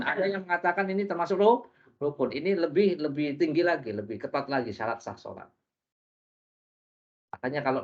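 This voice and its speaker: Lively preacher, lo-fi. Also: male voice, on the high side. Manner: lively, jokey, asks the audience questions. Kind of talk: interactive religious lesson. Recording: dull lo-fi recording.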